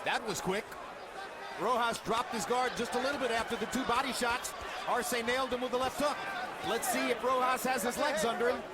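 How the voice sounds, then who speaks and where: High-pitched male boxing commentator over crowd. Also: fairly even intonation, brisk, heavy background noise. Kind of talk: live sports commentary. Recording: loud arena crowd behind commentary.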